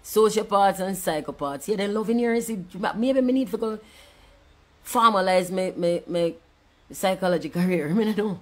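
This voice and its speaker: A woman's voice: mid-range voice, normal speed. A woman with a Jamaican accent delivering an angry, profane rant, switching between patois and standard English. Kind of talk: angry ranting monologue.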